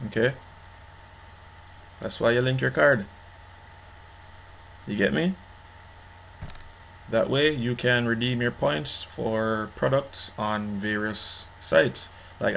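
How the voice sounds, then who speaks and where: A man's voice: slow pace, creaky, long pauses, a bit bright, a little hiss or hum. A man hosting an app review channel. He talks casually, repeats his points and keeps checking in with "okay?". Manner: pitchy, repeats himself, asks "okay?" often. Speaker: online money-making channel host.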